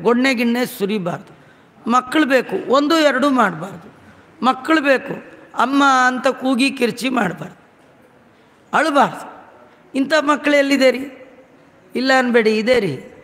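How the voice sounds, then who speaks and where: A man giving a religious discourse, slowly chanting verses and explaining them with homely humor. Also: very high-pitched, a bit bright, in a large hall.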